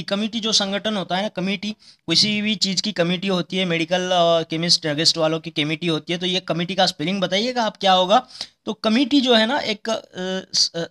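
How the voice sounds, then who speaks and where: A male teacher with a high-pitched voice walks students through spelling words for exams. He repeats each word several times and explains with playful memory tricks. His tone is bright and clear. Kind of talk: spelling lesson for exam students.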